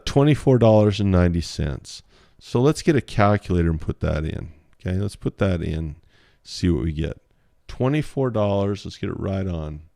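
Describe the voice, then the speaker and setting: A man's voice: lowish voice, darkish tone, no room sound, clean studio sound. A man teaching options trading in a casual screen-share lesson, chatty and playful, thinking aloud while he draws on a chart.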